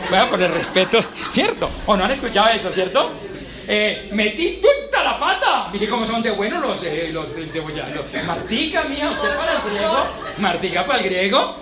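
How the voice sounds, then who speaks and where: A man preaching a sermon in a church, emphatic and conversational with touches of humor. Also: high-pitched.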